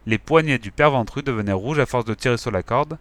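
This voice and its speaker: A man reading a children's story aloud in a lively, expressive way. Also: medium pitch, brisk, no room sound. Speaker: audiobook narrator. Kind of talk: scripted children's story narration.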